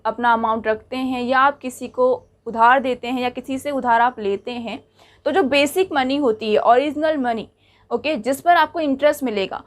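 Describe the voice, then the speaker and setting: A woman teaching English vocabulary, spelling out words letter by letter and switching between English and Hindi. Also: on the high side. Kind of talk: bilingual vocabulary lesson.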